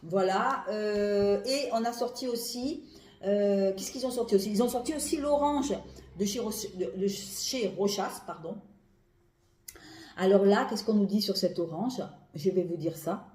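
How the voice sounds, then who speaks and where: A woman's voice: mid-range voice, measured pace, dark tone. A woman giving a casual, rambling review as she thinks aloud, often repeating herself and breaking off mid-phrase. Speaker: perfume reviewer. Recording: roomy, echoey sound.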